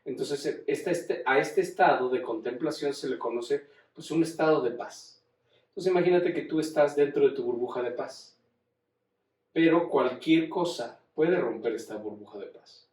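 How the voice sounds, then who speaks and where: A man's voice: a little high, moderate pace, darkish tone. A man giving an informal class, talking conversationally with frequent restarts and rhetorical questions. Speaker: teacher. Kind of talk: informal lecture. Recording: roomy room, distant mic.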